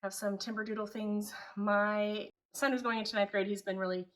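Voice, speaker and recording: A woman's voice: medium pitch, moderate pace. A middle-aged woman who grew up in Taiwan, a homeschooling mother casually chatting as she shows her home. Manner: relaxed, chatty, matter-of-fact. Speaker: homeschooling mother and channel host. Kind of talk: casual home tour vlog. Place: at home, indoors.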